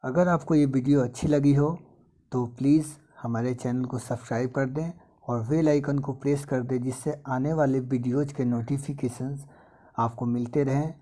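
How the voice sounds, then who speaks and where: A man teaching English grammar in a classroom-style lesson, reading definitions slowly and repeating example words with careful pronunciation. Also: medium pitch, steady tone, warm tone, poor audio. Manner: reads English definitions slowly, then explains them.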